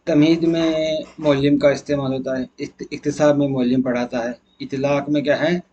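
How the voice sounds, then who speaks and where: A man's voice: medium pitch, flat delivery, mellow, muffled recording, slight background noise. A man teacher going through exam questions one by one, asking and answering his own questions as he explains. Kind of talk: exam answer key walkthrough.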